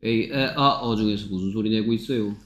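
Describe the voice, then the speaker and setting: A man's voice: on the low side, brisk, fairly bright tone, echoey room. A man tutoring English phonics one-on-one, drilling sounds over and over with an impatient, repetitive manner.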